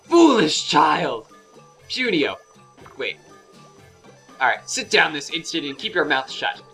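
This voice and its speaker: A man voicing a cranky old female elder creature in a gruff, lecturing old-person voice. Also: a little high, big pitch swings, takes it slowly, pushed and bright, faint music behind, full character voice. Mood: scolding.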